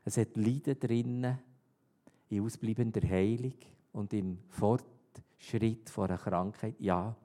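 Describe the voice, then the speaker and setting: A man with a Swiss German accent preaching a sermon, repeating his key points and swinging between loud calls and hushed near-whispers. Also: fairly low pitch, fairly even intonation, takes it slowly.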